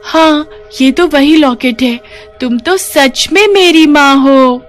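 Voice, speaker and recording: A woman voicing a young girl in a cartoon story, high, excited and tearful by turns. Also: slow pace, soft background music. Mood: relieved. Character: young girl, grieving daughter.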